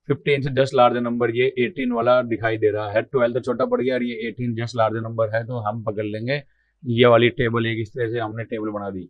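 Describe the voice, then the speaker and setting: A math teacher with a slightly hoarse, mid-pitched voice works through exam math problems step by step, talking to himself as he writes, repeating numbers and posing and answering his own questions. The audio is dull and lo-fi, recorded close and dry with no room echo.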